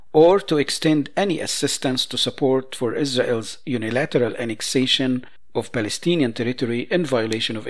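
A man presents news commentary, reading statements in a measured, emphatic way. His voice sits at an ordinary middle pitch.

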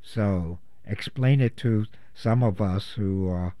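A man hosting a community radio talk show, opening the program with a measured, deliberate delivery. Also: on the low side, warm tone, no room sound, studio quality. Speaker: radio host.

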